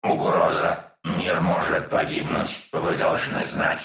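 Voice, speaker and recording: A man voicing an old male cyborg in a flat, mechanical half-whisper with an echoing robotic filter, as in an audiobook. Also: deep voice, slow pace. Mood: grave. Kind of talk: audiobook narration.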